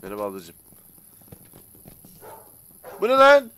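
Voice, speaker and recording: A man casually commenting as he plays a simulator game, chatting to viewers and to the characters, and bursting out loudly when annoyed. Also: sits high, wildly swooping pitch, takes it slowly, smooth. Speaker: gaming streamer. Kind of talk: casual let's-play commentary.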